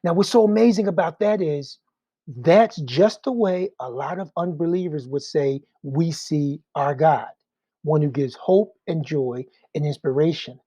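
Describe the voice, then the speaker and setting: Male Sunday school teacher, warm tone, dry close sound, conversational with rhetorical asides. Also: fairly high pitch, a little slow, slightly rough, dry recording, lo-fi sound. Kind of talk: adult Bible class teaching.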